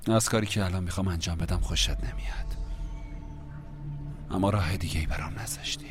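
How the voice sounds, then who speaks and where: A man's voice: low-pitched, music in the background, lightly acted. An actor playing a desperate man on the run in a dubbed film, often whispering urgently. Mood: hushed urgent. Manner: tense, often whispering, then shouting to calm someone. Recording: film score behind the voice.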